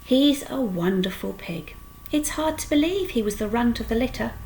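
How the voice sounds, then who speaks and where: A woman's voice: on the high side, lively intonation, moderate pace, a little mellow, slight background noise, pitched above the performer's own voice, rough recording. A woman reading aloud and voicing a matter-of-fact middle-aged farmer. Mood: plain. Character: plain-spoken middle-aged farmer man.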